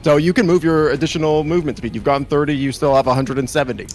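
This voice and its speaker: A man's voice: a little high, rapid-fire. A man running a tabletop role-playing game as game master, talking enthusiastically with lots of fillers, with faint music behind. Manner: enthusiastic, rambling with many fillers.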